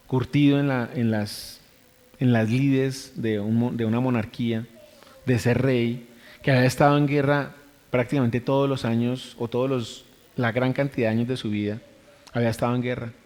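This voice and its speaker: A man delivers a sermon in an earnest manner, stacking repeated phrases for emphasis and stopping to correct himself. His voice sits at a middle pitch. The sound carries a long reverb from a church hall. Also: steady tone, moderate pace, a little mellow. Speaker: preacher.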